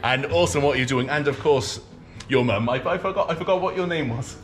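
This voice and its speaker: A man from Wales hosting a casual food vlog, friendly and quick to laugh at his own slips. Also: medium pitch. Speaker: vlogger host. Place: indoor restaurant.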